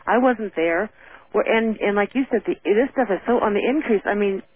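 A woman calling in to a radio show over the phone, talking haltingly and repeating her words. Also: mid-range voice, breathy edge, no echo. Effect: heard over the phone. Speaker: caller. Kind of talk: call-in radio conversation. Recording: tinny phone line on radio.

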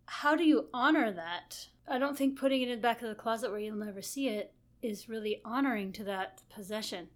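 A middle-aged woman with a fairly high voice co-hosts a casual podcast about marriage. She talks in an easy, chatty way and encourages her co-host with steady affirming murmurs.

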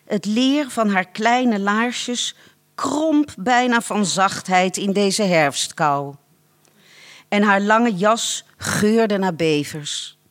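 A slow, deliberate storyteller reading a literary tale aloud. The narration is measured and unhurried, with a dry, ironic edge that lets details land without comment. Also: medium pitch, a bit bright.

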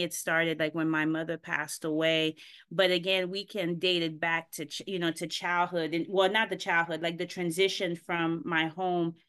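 A woman raised in Haiti answers casual interview questions as a podcast guest over a video call, sounding thoughtful and searching with plenty of ums. Her voice is on the low side, with a sharp, clean tone.

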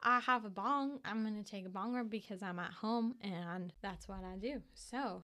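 Bright, chatty young American woman, sweary. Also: mid-range voice, normal speed. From United States. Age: young adult. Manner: emphatic, chatty, swears freely. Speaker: podcast host. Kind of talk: casual solo storytelling.

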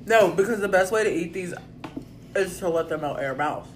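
A woman's voice: on the low side, fairly quick. A woman chatting casually with a friend in a playful way, laughing and swearing. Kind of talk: casual chat. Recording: noisy background.

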